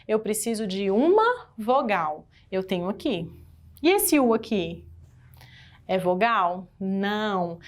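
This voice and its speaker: A woman with a Brazilian Portuguese accent teaching an exam-prep grammar lesson, asking the class questions and stressing key words. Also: on the high side.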